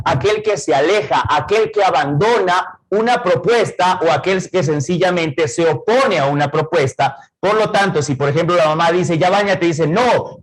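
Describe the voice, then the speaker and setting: Explaining words step by step in a verbal reasoning lesson, a middle-aged Ecuadorian-accented man checks in through rhetorical questions. His high-pitched voice is slightly rough, and the audio quality is poor.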